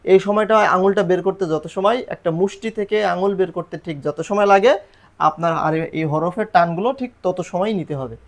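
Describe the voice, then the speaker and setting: A man's voice: sits high, fairly quick. A man teaching Quran reading and the Arabic alphabet in a recorded lesson, patiently repeating letters and drilling pronunciation.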